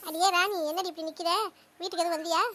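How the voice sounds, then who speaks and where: A woman voicing a bossy older mother-in-law in a comedy cartoon, scolding in rapid-fire bursts. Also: extremely high pitch, level tone, a bit bright, slight background noise. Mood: furious.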